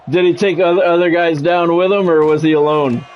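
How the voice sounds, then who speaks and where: A middle-aged streamer does play-by-play for a football game with a seasoned announcer's style and casual side comments. His voice sits a little high, and the recording is muffled.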